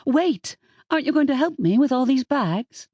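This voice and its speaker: A woman's voice: sits high, expressive, normal speed, a little mellow, no echo, muffled recording. A woman voicing a dramatic, pampered city woman in her thirties in a cozy mystery audiobook, with a theatrical delivery. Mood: frantic. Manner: exasperated, theatrical.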